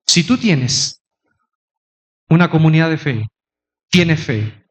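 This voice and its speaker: Middle-aged male preacher, high-pitched, conversational sermon delivery. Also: lively intonation, slow pace, a bit bright. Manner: conversational preaching with playful mimicry.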